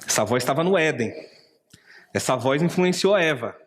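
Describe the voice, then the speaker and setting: A man's voice: fairly high pitch, expressive, normal speed. Preaching Brazilian man with hall reverb. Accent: Brazilian Portuguese. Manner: preaching with acted inner voices, rhetorical questions. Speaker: pastor. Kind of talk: sermon.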